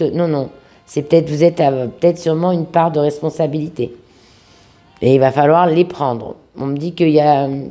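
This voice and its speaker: A woman with a sick-sounding voice giving an informal tarot reading to viewers, speaking familiarly and affectionately, with halting pauses. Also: low voice, dark tone. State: sick-sounding voice, under the weather. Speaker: tarot reader, host of a video channel.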